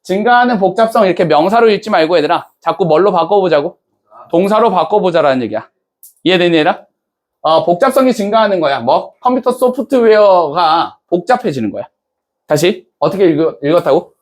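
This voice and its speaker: A man with a fairly high voice lectures a class in a relaxed, chatty way. He keeps firing questions at the students and checking that they follow. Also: brisk. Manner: casual banter-style speech to students. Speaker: English teacher.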